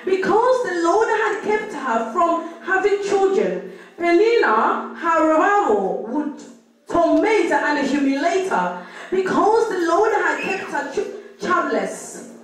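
A woman reading scripture aloud in church, then interpreting a sermon line by line, quick to echo each phrase. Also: extremely high pitch, sing-song. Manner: quick, echoing each line straight after the preacher. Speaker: Bible reader and interpreter. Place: church hall. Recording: echoey church hall from far off.

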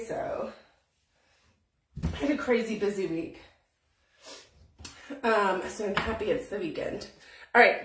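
A middle-aged woman with a fairly high voice hosts a casual live painting tutorial from her small home craft room, chatty and rambling, laughing easily and sounding a bit sniffly. Her phone camera sits above the table, often out of her reach, so she is off-mic in an echoey room with a little hiss or hum.

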